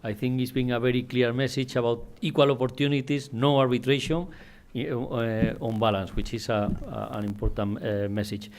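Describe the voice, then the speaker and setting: Moderator: man, smooth resonant voice, halting with fillers. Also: medium pitch, little pitch movement. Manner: halting, many fillers, trailing off. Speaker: panel moderator. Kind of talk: moderating a panel.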